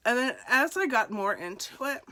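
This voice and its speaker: Woman, 40s. Candid, self-deprecating storyteller speaking to camera with a bright, clear tone. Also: on the high side, sing-song, normal speed. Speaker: nurse and direct seller.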